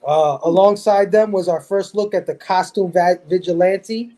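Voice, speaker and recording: Man, podcast host, mellow tone, laughs often, casual pop culture chat, video call. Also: sits high, normal speed. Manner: laughs often, hypes up the panel.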